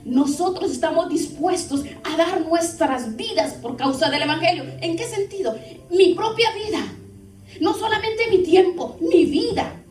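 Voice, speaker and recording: Woman pastor, high voice, fervent sermon, distant mic, faint music underneath. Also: animated, unhurried, darkish tone. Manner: fervent preaching, addressing the congregation directly. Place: church hall. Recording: echoey room, heard from a distance, faint music.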